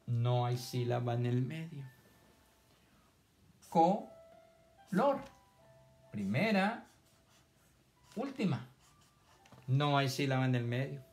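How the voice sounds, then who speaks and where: Animated male teacher spelling out syllables. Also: medium pitch, soft background music. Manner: dictates words slowly, splitting syllables; encouraging, praising pupils. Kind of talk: online reading and spelling lesson for children.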